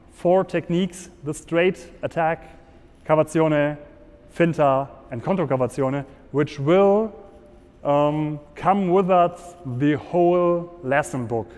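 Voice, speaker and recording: Slow-paced German-accented man in an echoing hall. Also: fairly high pitch, darkish tone. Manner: halting non-native phrasing. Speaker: fencing instructor. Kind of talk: instructional demonstration, explaining step by step. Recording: echoey hall with long reverb.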